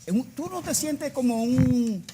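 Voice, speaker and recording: A man with a Dominican accent hosting a TV interview, giving emphatic introductions and quick backchannels. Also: very high-pitched, noisy background. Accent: Dominican Spanish. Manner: lively, emphatic introductions with many short backchannels. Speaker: TV interview host.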